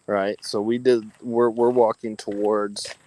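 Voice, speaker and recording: A man's voice: on the low side, level tone, a little slow, mellow, dry recording, rough recording. A man chatting casually with dry, laid-back replies while walking outdoors, filming on a phone. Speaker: vlogger. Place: outdoors at a historic site. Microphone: handheld phone camera.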